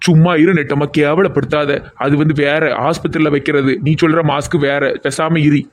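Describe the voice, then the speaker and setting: A man voicing a gentle sensible village fellow, high voice. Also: steady tone, normal speed, natural voice. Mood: reassuring. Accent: southern Tamil Nadu (Kanyakumari–Tirunelveli). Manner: gentle, scolding mildly, reassuring. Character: sensible kindly young village man, calm.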